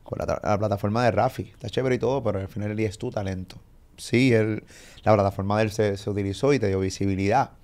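A middle-aged man hosts a casual chat. He talks in an animated way, swears freely and acts out quoted lines. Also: fairly low pitch, fast. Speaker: podcast host.

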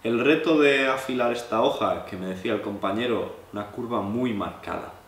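A young Spanish man from La Mancha, seated at a table in his living room, explains knife sharpening to viewers in a relaxed, chatty way. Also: medium pitch, normal speed, echoey room. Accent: Spanish from Spain. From La Mancha, Spain. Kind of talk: hands-on tutorial, addressing viewers.

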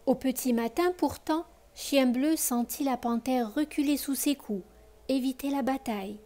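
High-pitched woman storyteller, unhurried children's book reading, expressive and gentle. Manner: soft, gentle address to the child listener.

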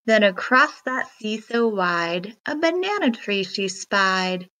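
Here a female read-aloud narrator, speaking in a mid-range voice, works through a children's picture book with slow, deliberate care and an expressive, storytelling delivery.

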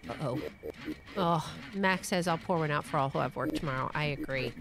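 A woman in her thirties chatting casually on a live horror game stream, exclaiming like an excitable, scared player. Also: deep voice, a little fast, gravelly. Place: indoor room, live stream. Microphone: close studio microphone on arm, headset. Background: game music.

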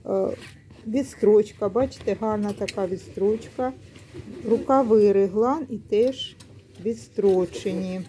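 A woman's voice: mid-range voice, slow, warm tone, a little hiss or hum. A middle-aged woman vlogging casually about secondhand clothes. She explains each item unhurriedly and corrects herself mid-word. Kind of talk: casual vlog commentary. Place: secondhand shop, indoors.

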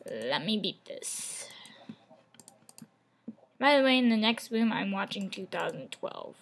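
This young woman hosts a gaming channel and talks over her play from a home webcam, slow and creaky, with a medium pitch that swings widely. A sore throat has her losing her voice, and she drifts into rambling, half-whispered asides in a casual tone.

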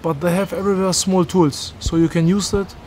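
A man in his thirties speaks in an energetic, emphatic way, his voice sitting fairly high for a man. He hosts a relaxed interview and gym review. Faint open-air noise sits behind him. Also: a little fast. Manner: energetic, emphatic, animated with hand gestures. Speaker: host. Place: open-air boxing gym, then outdoor garden.

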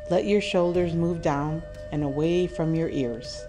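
With clearly audible music in the background, a low-voiced woman leads a meditation. She keeps her delivery calm and deliberate, soothing and measured, with pauses throughout.

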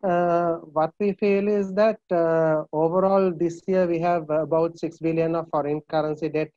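A man with a Sri Lankan English accent, an analyst on a video call panel, speaking haltingly with many filler sounds. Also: on the high side, level tone, warm tone, dry recording. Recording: muffled video call audio.

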